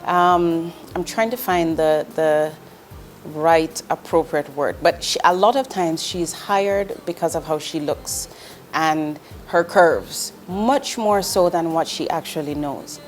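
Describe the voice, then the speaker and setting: She speaks slowly, her voice sitting low, while faint music plays behind. A forties-aged investment executive from Jamaica, she gives candid, direct, earnest interview answers, with ums and restarts along the way.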